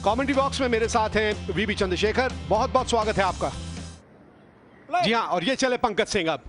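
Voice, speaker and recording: A man's voice: high-pitched, brisk, a bit bright, faint music behind. A man with an Indian accent giving conversational, reflective live cricket commentary as a broadcaster.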